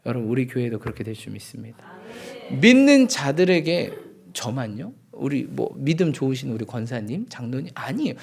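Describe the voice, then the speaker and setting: A male pastor preaching a sermon in a church, telling a story and asking the congregation rhetorical questions, moving between loud exclamations and hushed asides. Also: medium pitch, very animated, a little fast, vocal fry, slightly rough. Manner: swings between loud exclamations and hushed, near-whispered lines. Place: church sanctuary.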